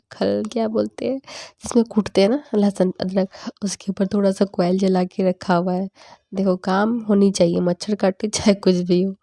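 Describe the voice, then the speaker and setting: A woman's voice: medium pitch, dark tone, no room sound, clean studio sound. A young woman casually narrating a home cooking vlog, chatty and laughing often. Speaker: vlogger.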